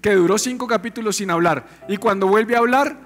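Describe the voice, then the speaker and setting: A male pastor preaching a sermon in an animated, conversational way, full of rhetorical questions. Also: high voice, brisk.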